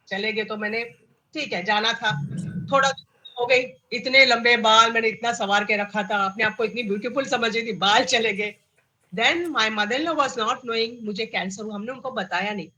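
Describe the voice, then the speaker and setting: A middle-aged woman from India with an Indian accent, telling her personal story in an animated way and mixing in English phrases. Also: a little high, normal speed, rough recording. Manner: animated, acts out quoted dialogue, mixes in English phrases. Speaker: cancer survivor guest.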